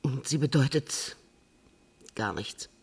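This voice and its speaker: An actress playing a composed, middle-aged woman held in custody, speaking in a measured, precise way in a radio drama. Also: extremely low pitch, expressive, slightly rough, exaggerated voice. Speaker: prisoner on remand giving an interview.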